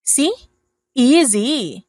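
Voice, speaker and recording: A woman's voice: high-pitched, sing-song, drawn-out words, dry recording, clean studio sound, full character voice. A woman voicing a scheming stepmother who snaps scornfully at her stepdaughter and turns sweet on phone calls. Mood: smug. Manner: sharp, scornful, sugary when on calls.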